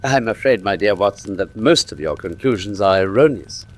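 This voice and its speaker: In a classic radio drama, an English-accented actor plays a confident, teasing gentleman detective, speaking precisely with theatrical condescension. His voice is fairly low, with lively intonation at a normal speed, and his mood is coolly superior.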